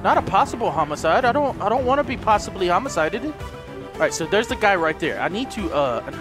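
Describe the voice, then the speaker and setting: A man hosting a gaming video, giving frantic gameplay commentary, excitable, shouting and cursing at the game. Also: high-pitched, fast, over music.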